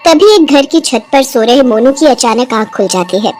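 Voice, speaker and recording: A woman narrating a cartoon story in an expressive, lively storytelling manner. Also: high-pitched, normal speed, a little hiss or hum.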